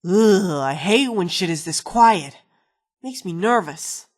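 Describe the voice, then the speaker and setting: A woman's voice: fairly low pitch, lively intonation, slow pace. An actress playing a wisecracking, foul-mouthed woman companion in a video game, sarcastic and slangy. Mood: casual, wry.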